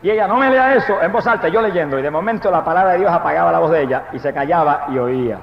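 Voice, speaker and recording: A man preaching his testimony at a church service, telling his story and then breaking into fervent shouted praise. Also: fairly high pitch, quick pace, creaky. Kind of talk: impassioned testimony sermon. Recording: echoey, dull live hall recording.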